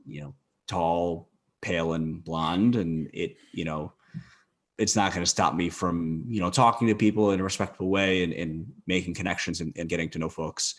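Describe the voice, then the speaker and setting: An American man talks thoughtfully as a podcast guest in casual conversation, leaning heavily on "you know" fillers. His voice is deep, with fairly even intonation and a moderate pace.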